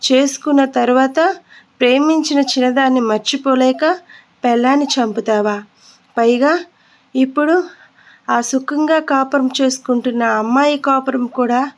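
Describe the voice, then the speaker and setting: A woman voicing a harsh, quick-tempered male prison jailer who questions sharply and with scorn. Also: a little high, natural voice. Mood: enraged.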